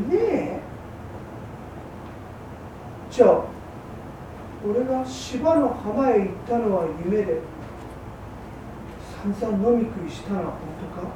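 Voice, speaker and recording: A gruff, hard-drinking fishmonger with a rough old Edo Tokyo working-class accent, as a woman puts him on in a storyteller's act. His lines come clipped and blunt. The voice sits far off in a very roomy, echoing hall with a faint hum behind it. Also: medium pitch, lightly acted. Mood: dismayed. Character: hard-drinking male fishmonger, rough, boastful, then repentant.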